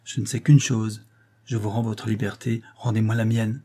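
A man's voice: on the low side, level tone, normal speed, warm tone, lightly acted. A man voicing a proud, fiery young woman who defies her husband, speaking with heated defiance. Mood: defiant.

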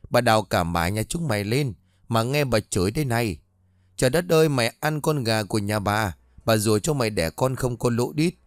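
A man voicing a foul-mouthed old village woman who rants shrill curses in a spoken ghost story. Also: no echo, studio quality, natural voice.

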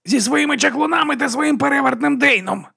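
A man's voice: very high voice, a little fast, vocal fry, bright, forceful tone, voice pushed up, full character voice. A man playing a whimpering beaten thug. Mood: pleading. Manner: pleading, whimpering. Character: beaten adult male thug, whining.

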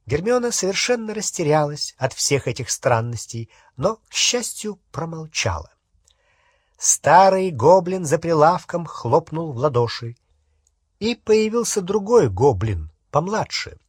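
A man reading an audiobook in an even, measured way, with a husky voice. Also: fairly high pitch, dry recording, studio quality. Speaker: audiobook narrator. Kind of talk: audiobook narration.

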